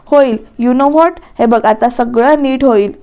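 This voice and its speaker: A woman's voice: fairly high pitch, a little slow, mellow, smooth. A woman voicing a young man who is newly in love but worried about his work, in a serial recap, reading his lines in a chatty, rambling way.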